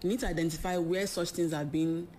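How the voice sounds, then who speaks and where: A woman with a low voice speaks as a talk-show guest, explaining in an emphatic way. She asks rhetorical questions and answers them herself, with faint noise underneath. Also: fairly even intonation, quick pace, dark tone. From Nigeria. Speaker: expert guest.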